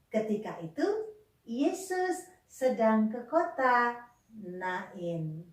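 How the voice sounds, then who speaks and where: A woman teaching a Sunday school lesson to children, gentle and coaxing, asking them questions and sighing with sympathy. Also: fairly high pitch, lively intonation, drawn-out words. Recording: echoey room with faint music.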